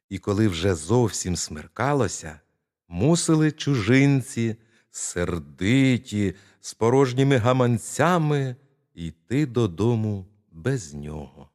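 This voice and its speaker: A man narrating a bedtime fairy tale in a slow, expressive storytelling manner. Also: fairly low pitch.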